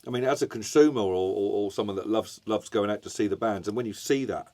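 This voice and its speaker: A man's voice: on the low side, fast talker, warm tone. A man interviewing a band in a studio, chatty and rambling.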